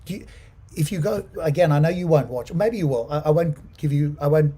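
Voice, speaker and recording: A co-host man with a husky voice in a debate, measured and insistent, laying out his reasoning. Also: fairly high pitch, warm tone. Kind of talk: debate discussion.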